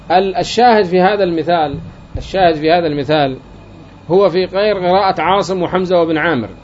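A man's voice: a little high, darkish tone, a little hiss or hum. A man teaching a grammar class, explaining step by step, repeating key phrases and putting questions to his listeners. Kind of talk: classroom lecture. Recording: dull lo-fi recording.

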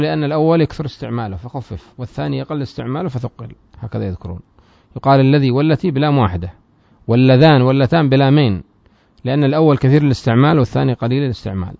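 Male grammar teacher, gravelly, reads the text up and explains it down, dry lo-fi recording. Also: no room sound. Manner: reads quoted text louder and higher, then explains in a lower voice. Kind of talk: classical grammar lesson, reading and explaining a text.

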